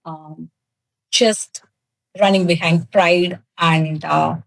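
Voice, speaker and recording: A woman's voice: lowish voice, steady tone, very slow, creaky, low-quality recording. A woman from South India, a native Tamil speaker with a thick South Indian accent, answering interview questions in an earnest, emphatic way. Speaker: interview guest, cosmetics business founder.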